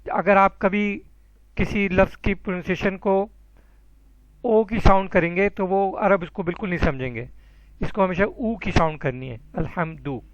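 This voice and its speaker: High-voiced man teaching an online class. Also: dry recording, lo-fi sound. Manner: patient, encouraging, calls students by name. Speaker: Arabic teacher.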